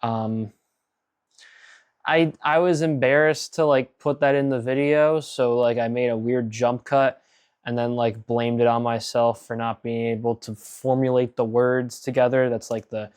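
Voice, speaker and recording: A man's voice: mid-range voice, steady tone, unhurried, a little mellow, clean tone. A man giving casual director's commentary on his own old video, rambling and self-critical with many fillers.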